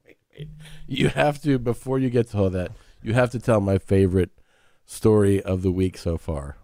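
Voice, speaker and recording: A man's voice: lowish voice, moderate pace, a little mellow, dry recording, clean studio sound. A man who is a father, co-hosting a podcast in casual chat, laid-back and swearing. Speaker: podcast co-host.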